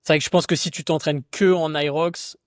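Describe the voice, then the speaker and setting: A man talking as a podcast guest and fitness coach, in a chatty, relaxed, slangy way with lots of fillers. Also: on the high side, brisk, no room sound, studio quality. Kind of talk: casual conversation.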